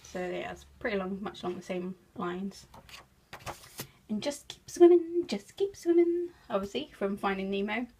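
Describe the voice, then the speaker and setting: This English craft vlogger's mid-range voice is expressive and dark-toned, moving at a moderate pace over slight background noise. Chatting casually as she shows off her crafts, she laughs a lot and makes self-deprecating jokes.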